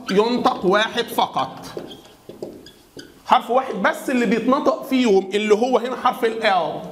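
A man with an Egyptian Arabic accent teaching English pronunciation in a classroom style. He keeps asking questions for the viewer to answer and slows down to spell words out. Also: extremely high pitch, echoey room. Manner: repeats questions and has the viewer answer back.

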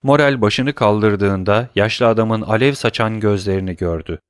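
A man's voice: lowish voice, moderate pace, clear, resonant tone, dry recording, clean studio sound. Man narrating a classic novel. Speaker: audiobook narrator. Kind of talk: scripted literary narration.

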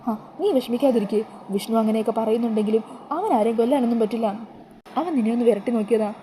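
A soothing, reassuring young woman friend, voiced by a woman narrator. The voice is warm and dark-toned and it moves fast, with faint noise behind it. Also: on the high side, natural voice, low-quality recording.

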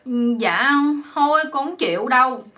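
A woman with a Southern Vietnamese accent voicing a simple-minded, spoiled young man who speaks in a hesitant, halting way. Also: high-pitched, expressive, pushed and bright.

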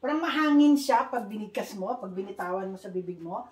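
A woman's voice: medium pitch, expressive, fairly quick. A woman who speaks Tagalog as a first language, teaching Korean letters to learners, patiently repeating sounds and mixing in English. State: speaking carefully due to a tooth problem. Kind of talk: online language lesson. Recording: echoey room, faint hiss.

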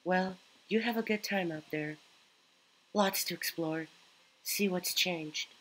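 A man voicing a caring mother cat in a video game with a soft motherly lilt. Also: high-pitched, takes it slowly, voice pushed up, full character voice, low-quality recording.

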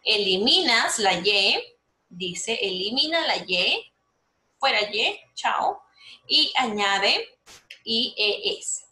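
In an online lesson for young children, a young adult woman with a slightly high voice teaches English slowly and patiently. Lively and encouraging, she repeats herself a lot and keeps checking that they follow, and the recording has a roomy echo.

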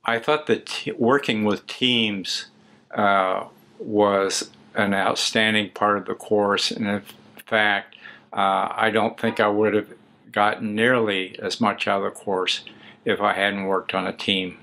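An older man with an American accent speaks very slowly and deliberately to his webcam at home. His voice is low and gravelly with a sharp edge. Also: steady tone. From USA. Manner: slow, deliberate speech. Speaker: course participant. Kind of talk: self-recorded video statement. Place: room at home.

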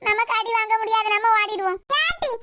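A woman with a Kanyakumari Tamil accent voicing all the quarrelling village women of a cartoon short. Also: background noise. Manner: quarrelsome, rapid banter in high cartoon voices. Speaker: cartoon voice artist.

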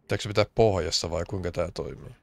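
A man's voice: low voice, gravelly, dry recording. A man from Finland doing casual, rambling let's-play commentary, joking and grumbling as he plays. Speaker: streamer.

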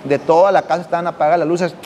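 Casting: male podcast host, high voice, slangy casual anecdotes, roomy reverb. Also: fairly even intonation, rapid-fire, darkish tone, slight background noise. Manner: slangy, drops "güey" constantly, acts out voices. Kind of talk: casual storytelling monologue.

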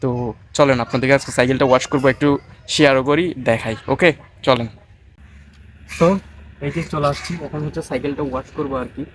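A man's voice: mid-range voice, steady tone, quick pace, pauses often, slight background noise, low-quality recording. A man vlogging outdoors in a backyard by a pond, chatting casually and a bit tired from washing his bicycle. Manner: rambling, chatty, addresses viewers directly; speaking quietly so neighbours won't hear. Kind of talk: casual vlog chat.

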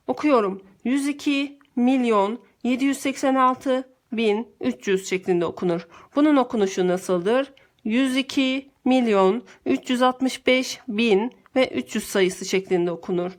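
A woman teacher with a somewhat high voice talks children through a math lesson. She explains one step at a time, patient and methodical, often asking a question and then answering it herself. It sounds like a voice-over for a screen lesson.

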